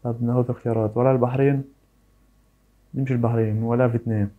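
A man's voice: medium pitch, level tone, racing, phone-quality sound. A man with an Egyptian accent giving casual commentary, thinking aloud, guessing and teasing himself as he plays a quiz. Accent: Egyptian Arabic. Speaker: YouTuber.

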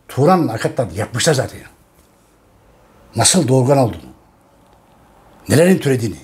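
A man's voice: medium pitch, a little mellow. A Turkish man giving a casual, repetitive monologue on history to his viewers, often calling them friends. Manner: repetitive, addresses listeners as friends, emphatic. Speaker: history channel host.

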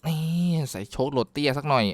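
A man giving casual, excitable commentary while playing a driving game, joking and talking to his viewers. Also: mid-range voice, quick pace, dry recording, studio quality. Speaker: gaming YouTuber.

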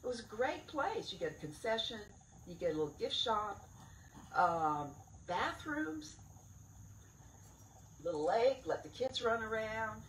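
A woman's voice: mid-range voice, a bit bright, a little hiss or hum. An older woman giving a chatty, digressive talk at a lectern mic outdoors, stressing key words as she goes. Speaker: cave director giving a talk. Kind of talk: informal public talk. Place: outdoor event under a tent near woods. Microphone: stand mic at a lectern. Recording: roomy outdoor sound from a distant camera.

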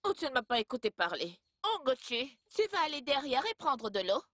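A woman's voice: sits high, very animated, fairly quick, a bit bright, no echo, clean studio sound, exaggerated voice. Boastful young woman. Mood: teasing. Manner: teasing, show-off. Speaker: Amaka, young fiancée. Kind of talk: dubbed film acting.

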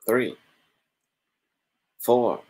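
Speaking extremely slowly in a slightly mellow voice, a man in his thirties hosts a casual livestream raffle for his YouTube comic channel. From a small room at home, he chats and counts entries aloud into a webcam mic.

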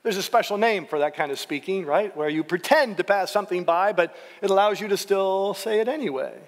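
A middle-aged man with a high, light voice gives a relaxed Bible lecture to a church class. He talks in an animated way, keeps asking "right?" and voices the lines he quotes. The sound rings with the long reverb of a church hall. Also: a little fast. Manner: animated, frequent "right?" checks, acts out quotes. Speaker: seminary professor teaching a class series.

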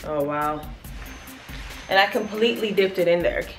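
A woman in her thirties, a family vlogger chatting casually to her viewers in a product review, animated and calling them y'all. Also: lowish voice, moderate pace, faint music behind. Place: small room in front of a plain wall. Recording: echoey room.

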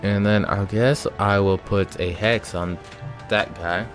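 A man with a fairly low voice talks his way through a game at an unhurried, drawn-out pace. He thinks aloud with plenty of ums and sighs, in casual let's-play commentary, with faint game music behind him. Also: steady tone. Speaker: gaming channel host.

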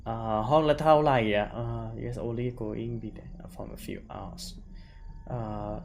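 A man's voice: mid-range voice, extremely slow, a little mellow, a little hiss or hum. A man casually chatting as he plays a horror game on stream, paraphrasing the characters' dialogue aloud with lots of fillers. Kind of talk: casual live-stream chat.

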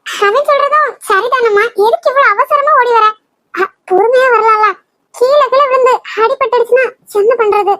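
A woman plays a caring middle-aged mother-in-law in a cartoon. She fusses in a motherly way, in a very high voice recorded close and dry. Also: moderate pace, a bit bright, no echo. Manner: fussing, motherly. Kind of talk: cartoon voice acting.

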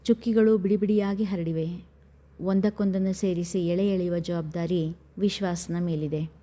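A woman narrating an audio story in a measured, dramatic reading. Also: fairly low pitch, fairly even intonation, mellow.

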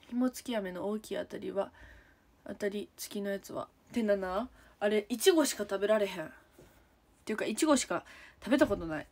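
Husky young Kansai woman, chatty. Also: mid-range voice, a little mellow. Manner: chatty, giggly, answers viewers one by one. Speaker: idol livestreamer. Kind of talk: casual livestream chat reading comments. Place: room at home.

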